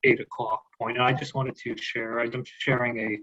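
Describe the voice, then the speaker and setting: A man moderates a webinar over a video call, friendly and reading out comments from the audience. His voice sits at a middle pitch, and the sound is dull and lo-fi. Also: level tone, normal speed, pushed and bright. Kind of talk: hosting a webinar.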